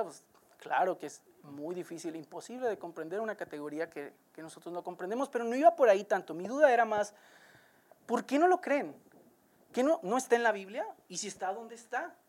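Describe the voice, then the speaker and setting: A woman's voice: medium pitch, lively intonation, a little fast, a little mellow. A woman preaching a sermon, speaking earnestly and directly to listeners and repeating words as she builds each point.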